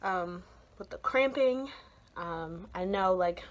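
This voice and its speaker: A woman's voice: fairly low pitch, expressive, slow. A young adult woman chatting casually in her own vlog, bubbly and talkative with lots of "um" and "like". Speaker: vlogger. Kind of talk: casual pregnancy vlog chat.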